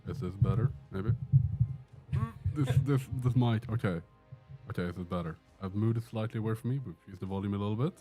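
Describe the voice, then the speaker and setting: This Swedish game streamer talks briskly in a fairly low, dark-toned voice, joking and answering chat questions during live gameplay. Soft music plays in the background, the recording quality is low, and he's in an indoor room with a door.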